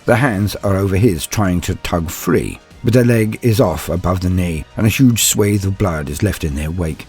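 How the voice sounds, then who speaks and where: A man with a deep, darkish voice narrates at a moderate pace with hardly any pauses. As storyteller and channel host, he delivers dramatic first-person narration and a scripted address in a theatrical style with courtly phrasing, over background music.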